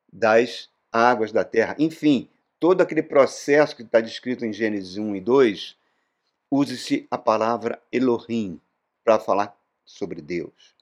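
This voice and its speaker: Man preaching with emphatic swings. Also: mid-range voice. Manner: storytelling, acts out quoted voices, emphatic swings in loudness. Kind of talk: sermon teaching.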